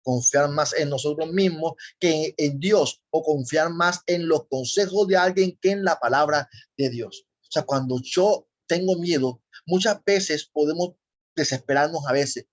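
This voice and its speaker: A man preaching a sermon, often pausing to ask his listeners rhetorical questions. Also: on the high side. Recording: slightly dull lo-fi recording.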